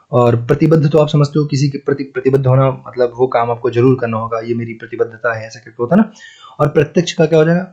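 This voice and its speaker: A man's voice: medium pitch, warm tone, breathy edge. A male Hindi teacher with a north Indian accent going through exam questions, repeating each answer and quizzing the listener. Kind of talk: exam-prep lesson. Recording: dull lo-fi recording.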